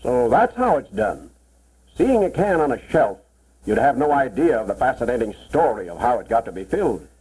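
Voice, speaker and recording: A man's voice: medium pitch, sing-song, moderate pace, a little mellow, breathy edge. A man playing an impressed businessman in a 1940s promotional film, talking in an appreciative, conversational way. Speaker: visiting businessman viewing the film. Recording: muffled, worn 1940s film soundtrack.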